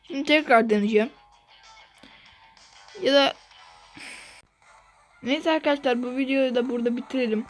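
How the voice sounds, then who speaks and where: A woman hosting her gaming channel, commenting on gameplay in an excitable way and repeating phrases over and over. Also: high-pitched, moderate pace, pauses often, faint music behind.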